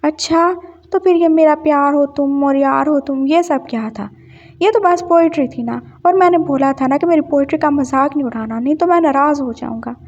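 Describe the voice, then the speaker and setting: A woman voicing a sensitive, sulky young man who recites poetry slowly and tenderly. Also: high voice, darkish tone. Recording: dull lo-fi sound.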